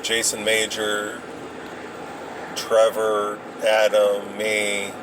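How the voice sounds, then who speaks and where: A man casually rambling through old memories, halting and hesitant as he searches for details. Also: on the low side, completely flat delivery. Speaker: vlogger recounting memories. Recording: noisy, with vehicle and ambient sound.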